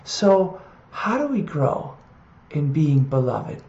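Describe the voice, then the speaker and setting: A preacher giving an earnest, heartfelt scripture reflection and reading Bible passages aloud with quiet emphasis. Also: mid-range voice, big pitch swings, takes it slowly, roomy sound, lo-fi sound. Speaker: preacher in an online video series.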